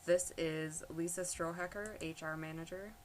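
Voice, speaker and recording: Very low-voiced woman narrating casually. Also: steady tone, moderate pace. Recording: faint background noise.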